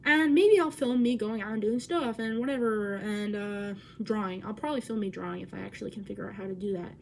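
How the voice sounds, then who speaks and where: Talking a little quickly in a creaky, mid-range voice, a twentysomething woman rambles through a casual home vlog beside a window. She's awkward, interrupts herself, and swears along the way, and a faint hiss or hum sits under the recording.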